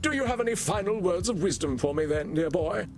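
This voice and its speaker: A vain, easily wounded vampire thespian from a video game, pitched high for a male. He speaks with slow, theatrical villain menace and lofty archaic phrasing, over faint music. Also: animated. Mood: lofty, grudging.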